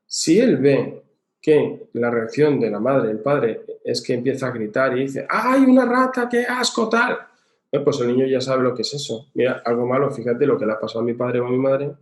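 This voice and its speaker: A man's voice: mid-range voice, fairly even intonation, moderate pace, a little mellow. A man giving a recorded lecture on emotional education, explaining patiently with examples and rhetorical questions. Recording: echoey room.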